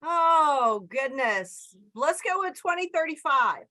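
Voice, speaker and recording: Woman team captain on a call, high bright voice, lively banter. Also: slow.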